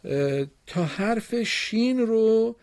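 A man teaching a broadcast reading lesson to children, explaining slowly and patiently and praising his pupils often. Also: high-pitched, expressive, darkish tone.

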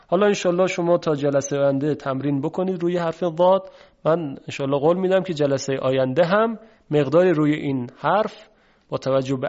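A man teaching a tajweed pronunciation lesson, patiently explaining and slowly drawing out sounds to demonstrate them. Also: fairly high pitch, a little mellow. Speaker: Quran recitation teacher. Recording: dull, lo-fi recording.

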